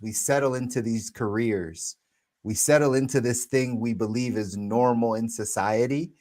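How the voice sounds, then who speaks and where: A man's voice: mid-range voice, a little mellow. A man in his thirties co-hosting a podcast, talking things through in a casual, reflective way and often checking in with "right?". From United States. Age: 30s. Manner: reflective, thinks aloud with many "right?" asides. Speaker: podcast co-host. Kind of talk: casual chat.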